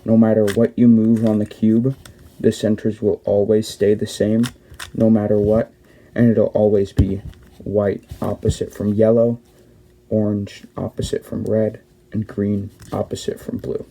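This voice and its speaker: A young man walks through a tutorial in a casual, step-by-step way, restarting and correcting himself as he goes. His voice sits low and dark, with little rise or fall. A faint hiss runs under the recording. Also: completely flat delivery, a little slow. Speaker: cube tutorial host.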